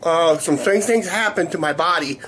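A man in his fifties chatting casually to camera in a rambling, halting way, his voice weak and sore after illness. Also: on the high side, fairly bright tone. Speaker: vlogger. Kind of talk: casual video diary chat. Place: small living room, indoors. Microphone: camera at arm's length. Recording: noisy room ambience on camera mic.

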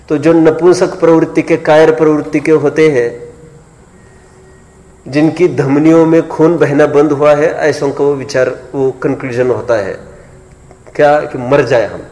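A man's voice: fairly high pitch, darkish tone. A man giving a sermon-style scripture lecture to a live audience, often stopping to ask rhetorical questions and check that his listeners are following. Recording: echoey hall with long reverb.

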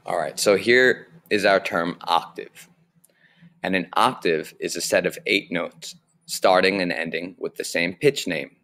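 Music basics are the topic as a young, low-voiced man teaches slowly and clearly in a prerecorded online lesson. His webcam mic picks him up in a small room, with a slightly bright sound.

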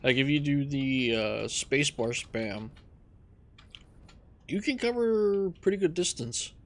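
A man casually talking through his gameplay, relaxed and rambling as he thinks aloud. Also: a little high, unhurried. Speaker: gaming channel host.

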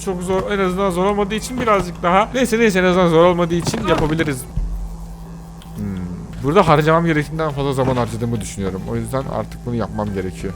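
A young man giving casual commentary on a game he plays, excitable and often breaking into shrieking outbursts. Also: a little high. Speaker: gaming YouTuber. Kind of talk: casual Let's Play commentary.

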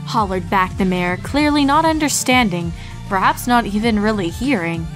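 With lively intonation and a moderate pace, a female fan fiction narrator performs a horror story as scripted, dramatic narration in her mid-range voice. Music sits underneath throughout.

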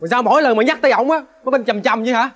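A man's voice: very high voice, rapid-fire, a bit bright. An actor with a Southern Vietnamese accent playing a young adult son who talks bluntly and resents his violent father. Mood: resentful.

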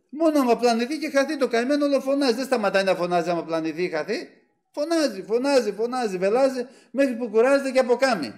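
Man, preacher, fervent sermon, high voice, swells on key phrases. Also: darkish tone. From Greece.

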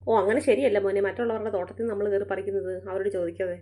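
A woman voicing a gentle grandmother in a cartoon, giving calm advice. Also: medium pitch, racing, lightly acted. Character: grandmother of the family, gentle and wise. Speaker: cartoon character.

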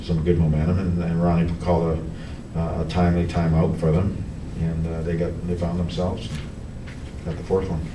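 A middle-aged man, a hockey coach, fields questions after a game in a very low voice that barely rises or falls. He stops and restarts his sentences and fills the gaps with "uh" and "you know". The sound is roomy and distant, with steady noise behind it. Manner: halting, many restarts and fillers. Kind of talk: post-game press conference. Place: press room in front of a team backdrop. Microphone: table mic on a stand, heard from a camera farther off. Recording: echoey room, distant camera, background noise.

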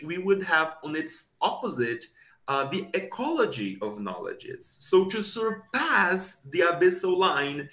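A young man giving an academic conference talk over a video call, slow and deliberate, posing rhetorical questions. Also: on the high side, sharp tone. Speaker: conference presenter. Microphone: webcam on video call. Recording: echoey room.

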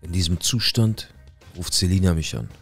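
Male storyteller, first-person dramatic retelling; very low, husky voice, dry close recording, faint music bed. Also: expressive, normal speed. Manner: dramatic retelling acting out dialogue.

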